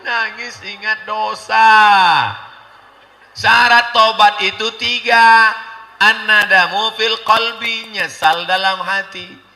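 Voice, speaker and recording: A man's voice: sits high, little pitch movement, slow, bright, forceful tone. A man preaching to a crowd, reading out questions and answering them with jokes and quoted scripture. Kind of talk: humorous sermon Q&A. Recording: echoey hall with faint noise.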